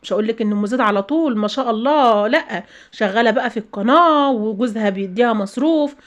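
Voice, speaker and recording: Egyptian woman vlogger, quick and insistent, somewhat high voice, preachy home advice. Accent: Egyptian Arabic. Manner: emphatic, repeats phrases, preachy. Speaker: channel host. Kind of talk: casual advice talk to viewers.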